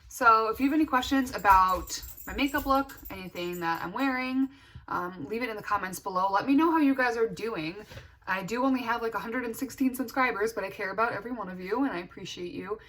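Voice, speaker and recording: A woman's voice: fairly high pitch, fairly quick, a bit bright, poor audio. Chatty young woman vlogger wearing retainers. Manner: talking with retainers in; informal, thinking aloud. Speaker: beauty vlogger. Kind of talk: casual chatty get-ready-with-me vlog.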